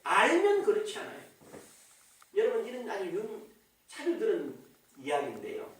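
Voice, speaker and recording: Male pastor, animated sermon with wide pitch swings, heard from afar in a booming church hall. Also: normal speed. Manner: animated preaching with rhetorical questions to the congregation. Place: church sanctuary. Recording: echoey hall, voice from a distance.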